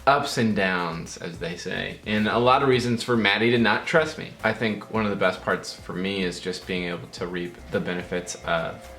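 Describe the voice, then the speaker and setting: A young man chatting casually as the host's fiancé, relaxed and joking, a little halting. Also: sits low, soft background music. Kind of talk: casual chat. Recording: roomy echo.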